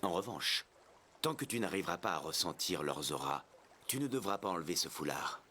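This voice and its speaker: Deep-voiced, gruff swordsman mentor. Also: animated, a little fast, pushed and bright, a little hiss or hum. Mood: commanding. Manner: blunt, commanding, grumbling. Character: gruff, stern adult male swordsman mentor. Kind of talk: anime dub acting.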